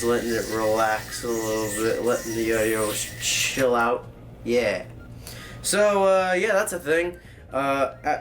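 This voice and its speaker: A man hosting a casual, joking tutorial, explaining like a rambling professor who drifts into tangents and corrects himself. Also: medium pitch. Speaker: tutorial host.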